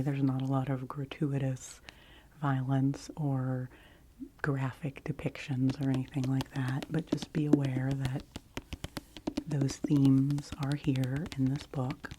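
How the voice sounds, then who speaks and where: A woman speaks in a very low, hushed library whisper, taking her time in a soft ASMR review style. There is clear background noise, with small clicks and tapping around her words. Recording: noisy close recording with clicks and tapping.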